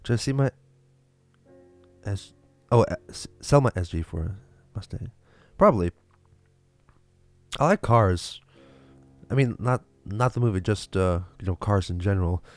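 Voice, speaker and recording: A young Lithuanian man with a Lithuanian accent hosts a livestream, answering viewers' questions casually, with plenty of fillers and restarts. His lowish voice is animated and a bit mellow, measured in pace with long pauses, and faint music plays behind him.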